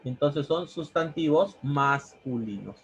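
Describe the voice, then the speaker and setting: A man's voice: a little high, expressive, slow pace, muffled recording, a little hiss or hum. A man teaching a grammar lesson, who repeats words and checks in with a questioning "¿no?". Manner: explains step by step, repeating words and asking "¿no?".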